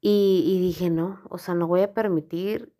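A woman talks through a personal story in a loose, rambling way, leaning on filler words as she goes. Her voice sits a little low for a woman. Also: steady tone, a little slow, warm tone. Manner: frank, rambling, heavy use of filler words.

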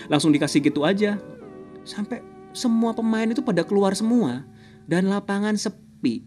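A man, hosting a podcast and telling a personal story in a casual, animated way, chuckling often. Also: high voice, normal speed, faint music behind. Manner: animated, chuckles often, acts out quoted voices. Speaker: podcast host.

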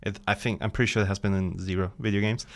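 A man's voice: fairly low pitch, fairly even intonation, fast talker. A tired man from Bosnia and Herzegovina, co-hosting a gaming podcast in casual chat and rambling with many fillers and restarts. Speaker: podcast co-host.

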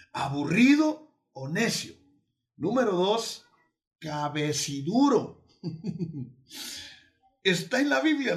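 A man preaching in a somewhat high voice. He talks in an emphatic teaching manner, repeating key phrases and drawing words out for weight, with a few light jokes along the way. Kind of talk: sermon.

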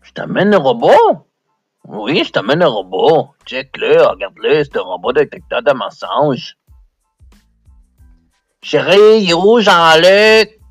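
A gruff, strict father with a Québécois accent who blusters and turns loud, as a man plays him, his voice gravelly. It is a homemade improvised story. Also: on the high side, very animated, takes it slowly, long pauses, dry recording, faint music behind, heavily acted. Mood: blustering. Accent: Québécois French.

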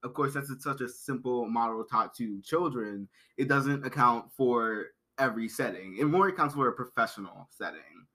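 A young man co-hosting a podcast, making measured, explanatory points in casual chat. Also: medium pitch, sharp tone. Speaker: podcast co-host.

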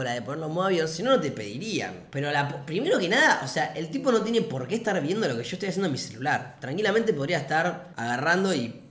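A man's voice: a little high, a bit bright. A young man with a Rioplatense Spanish accent, telling a casual anecdote in a laid-back, slangy and profane way. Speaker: vlogger. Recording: echoey room.

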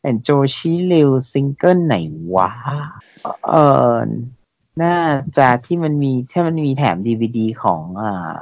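A man's voice: on the high side, expressive, unhurried, darkish tone, no room sound, lo-fi sound. A man co-hosting a casual podcast, who often hesitates and searches for words. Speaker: podcast co-host.

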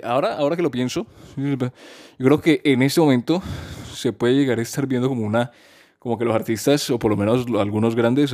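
At home during a power cut, a man with a lowish, darkish voice talks casually and at length about music. He rambles, often restarting and using lots of fillers.

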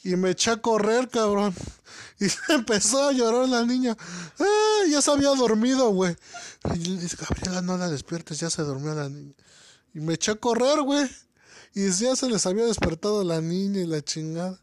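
Young Mexican man, high voice, dry recording, casual slangy storyteller. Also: normal speed, no room sound. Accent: Mexican Spanish. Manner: slangy, laughing, peppers talk with "güey". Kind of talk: casual chat.

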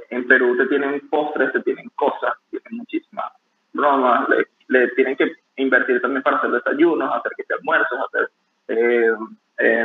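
A young man, a barista, talking casually in an interview, relaxed and rambling with many restarts. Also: mid-range voice. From Venezuela. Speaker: barista guest. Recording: tinny phone-like call audio.

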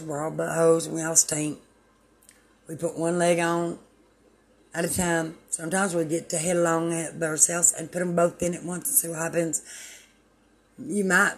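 A woman's voice: low-pitched, gravelly. A woman host delivering a rambling, preachy spiritual monologue on her own channel, meandering and self-deprecating.

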